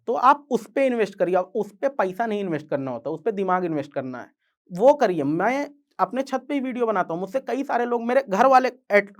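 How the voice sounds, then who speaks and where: A young man from eastern Uttar Pradesh with a Purvanchal Hindi accent, close to Bihari, telling his own story in a casual, chatty way. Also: high voice. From Purvanchal, Uttar Pradesh, India. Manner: casual, chatty, addresses listeners as yaar. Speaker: content creator and guest speaker. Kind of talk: storytelling talk.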